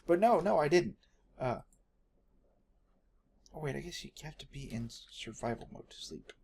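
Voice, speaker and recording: A Texan video host rambles through casual gameplay commentary, joking at his own expense and often talking to himself. His voice is on the high side with lively intonation, moderate pace and vocal fry, captured in a home recording with faint background noise.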